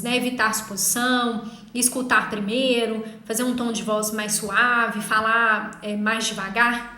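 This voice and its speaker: A woman in her thirties teaching a lesson on legal writing and debate, talking fast and emphatically, often checking in with "tá?". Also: on the high side, bright, forceful tone, echoey room. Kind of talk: online lesson.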